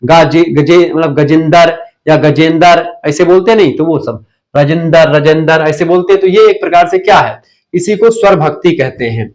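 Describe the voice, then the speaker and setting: A man's voice: on the high side, moderate pace, darkish tone. A young Indian man teaching a live online revision class, asking questions and answering them himself.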